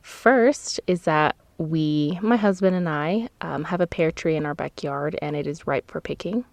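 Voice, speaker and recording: A woman's voice: deep voice, measured pace, gravelly, no echo. A woman hosting a casual podcast from inside a clothes-padded closet, chatty, laughing often and correcting herself as she goes. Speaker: podcast host. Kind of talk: casual seasonal podcast chat. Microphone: close microphone.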